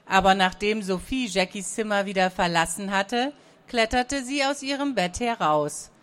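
A woman reading a children's story aloud in a calm, steady voice. Her pitch sits in a medium range, and her delivery is even and measured. Scripted narration.

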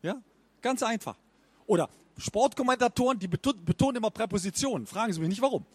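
A man giving a stage talk as a speech trainer, lively and mimicking bad speaking habits with exaggerated intonation. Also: high voice, fast talker, husky, dry recording. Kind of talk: stage talk at a book fair.

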